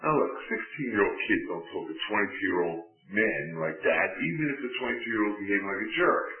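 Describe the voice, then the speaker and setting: Man, personal testimony, animated and self-mocking, thin phone-like sound, faint music behind. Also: fairly low pitch, fairly quick, echoey room, far from the mic.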